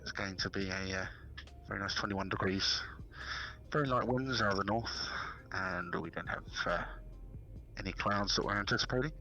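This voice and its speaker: A man doing a first officer's cabin announcement, sounding like a pilot over the intercom, muffled by a hand cupped around the mic, formal and full of pauses. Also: on the low side, bright, forceful tone. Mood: calm, formal. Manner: measured, formal announcement delivery with many pauses. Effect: muffled pilot-over-the-intercom sound made by cupping a hand around the mic. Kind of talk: playful improvised pilot announcement during a livestream.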